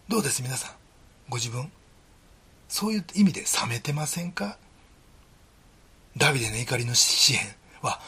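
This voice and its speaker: A deeply husky male pastor with a Kansai accent delivers a sermon. His pitch moves a lot from phrase to phrase, and he talks earnestly and conversationally, often dropping to a whisper. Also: fairly bright tone. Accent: Kansai Japanese.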